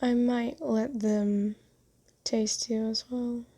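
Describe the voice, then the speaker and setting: In an ASMR roleplay, a woman plays a gentle, doting vampire with genteel manners, speaking softly and soothingly and slipping in teasing pet names. Her voice is fairly high, steady, and slow, and the mood is playful and adoring.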